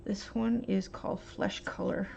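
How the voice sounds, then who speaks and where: Slow, gravelly-voiced woman swatching paints. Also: medium pitch, level tone, dark tone. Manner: rambling, hesitant, fills pauses with um and uh. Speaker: art vlogger. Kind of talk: casual swatching demo. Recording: dull lo-fi home recording, faint hiss.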